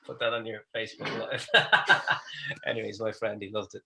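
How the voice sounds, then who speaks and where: A man's voice: on the low side, moderate pace, creaky, pushed and bright. A man, a comedian, telling stories in casual livestream chat and mimicking the people he quotes.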